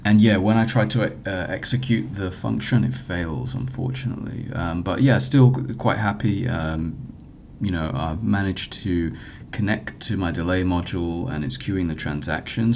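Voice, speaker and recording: A man giving an informal software demo walkthrough as a developer, speaking in a hesitant, halting way with frequent stumbles. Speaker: hackathon developer presenting own project. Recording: clear background noise with low rumble.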